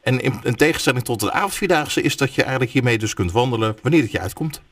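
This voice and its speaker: Fast-talking male radio host. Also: mid-range voice, expressive, fairly bright tone, dry recording. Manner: brisk, hesitant restarts. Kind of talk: radio interview.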